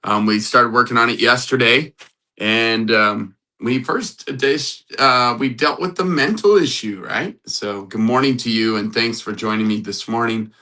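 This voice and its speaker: A man's voice: mid-range voice, unhurried, pushed and bright, poor audio. A man hosting a casual live stream as a matchmaker, upbeat, greeting viewers in the chat and repeating motivational phrases. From United States. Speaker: livestream host and matchmaker.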